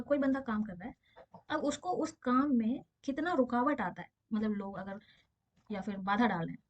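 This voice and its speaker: A woman teacher talks through exam questions in a relaxed, conversational way. She leans on everyday examples and keeps checking whether things are clear. Her voice sits a little high, and the recording sounds dull and lo-fi. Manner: explains with everyday examples, checks understanding often. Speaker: physics teacher. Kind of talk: casual exam-prep lesson.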